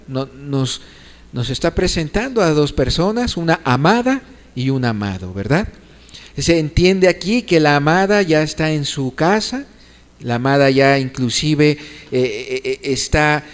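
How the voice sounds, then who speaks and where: A man preaching a sermon, explaining scripture with many fillers and restarts, then rising into pleading appeals. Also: medium pitch. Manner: rises sharply to pleading appeals. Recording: reverberant church hall.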